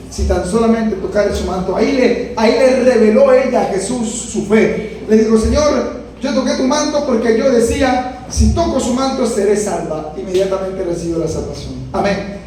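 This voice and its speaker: High-voiced preaching man, echoey and distant. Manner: preaching with dramatic quoted voices and sudden shouts. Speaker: pastor. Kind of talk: sermon. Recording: echoey room, distant mic, faint noise.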